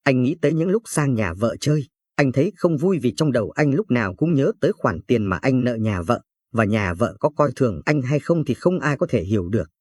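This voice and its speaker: A man narrating a spoken story with an even, steady reading. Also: medium pitch, a little fast, husky, no room sound, clean studio sound. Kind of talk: read-aloud story narration.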